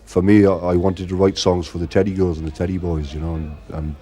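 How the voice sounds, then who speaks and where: In a casual interview, the band's middle-aged frontman from Ireland rambles with constant "you know" fillers. His voice sits low and sounds mellow, with flat delivery at a slightly fast pace.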